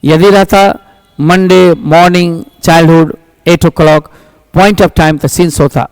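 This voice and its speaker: A man with a high, steady, slightly mellow voice teaches an exam-prep English grammar lesson, calling his students "my child". He reads each example sentence slowly and carefully, then hurries through the explanation. The audio is poor, close, and dry, with no room sound.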